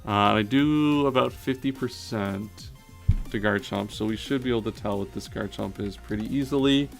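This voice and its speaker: With a lowish, gravelly voice at a moderate pace, a man comments on a competitive battle as he thinks it through, faint music playing behind. He's analytical, fills pauses with frequent "um" and "uh," and keeps revising what he just said.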